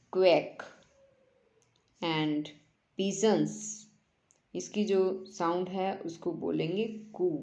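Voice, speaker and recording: A woman teacher, explaining a workbook lesson in Hindi and reading English lines slowly, word by word. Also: on the low side, a little mellow, reverberant, dull audio.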